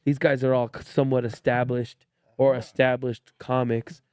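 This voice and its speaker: A man hosts a casual podcast in a relaxed, joking way. His voice sits in an ordinary middle range. The sound is close and dry, with no room around it. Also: mid-range voice, moderate pace, clear, resonant tone, no room sound. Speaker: podcast host. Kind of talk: casual chat.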